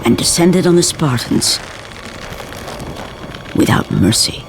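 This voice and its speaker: A man giving grave, measured, scripted narration for a video game story. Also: on the high side, big pitch swings, background noise. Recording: loud music score behind.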